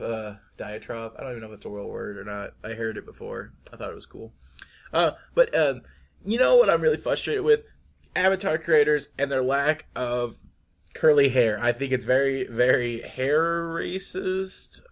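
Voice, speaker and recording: A young man casually talking over a drawing video in a chatty, rambling way, often restarting his sentences. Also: mid-range voice. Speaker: YouTube artist.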